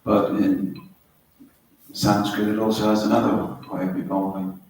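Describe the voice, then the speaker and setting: A man's voice: fairly low pitch, level tone, unhurried, a little mellow. A middle-aged man from Wales, giving a spiritual talk to a small group, telling stories and tracing words step by step. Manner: storytelling, anecdotal, explains words step by step. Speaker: spiritual teacher. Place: yoga center hall. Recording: roomy hall, mic at a distance, faint hiss.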